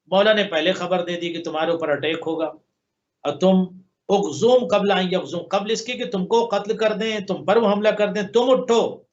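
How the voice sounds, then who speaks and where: A male religious scholar on a live program, slowly reciting Arabic lines and then explaining them in long rhetorical lists of parallel phrases. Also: high voice, lo-fi sound. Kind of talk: sermon commentary on a live TV program.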